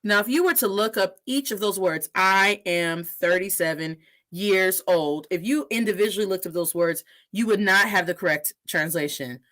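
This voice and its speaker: A woman in her thirties hosting a casual interview, energetic and sprinkling Spanish words into her English. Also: mid-range voice, normal speed. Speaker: podcast host.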